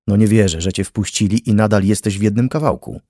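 Male narrator as an irritable, mocking young woman in an audiobook; low voice, dry booth sound. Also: fast talker, dark tone, dry recording, close to an everyday voice. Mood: snapping, scornful. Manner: snapping, mocking. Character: angry young woman, sharp-tongued twin sister.

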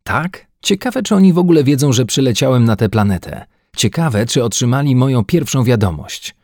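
A man's voice: lowish voice, normal speed, a little mellow, dry recording, clean studio sound. A man voicing an agitated, frightened Earthman scientist in a science-fiction audiobook, pleading and near-hysterical. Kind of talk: audiobook character voice.

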